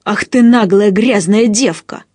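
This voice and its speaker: A woman's voice: medium pitch, measured pace, dry recording, clean studio sound, natural voice. Woman voicing a raging bully of a young man. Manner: harsh, shouting, contemptuous. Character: brutish bullying young man, quick to rage. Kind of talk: audiobook character voice.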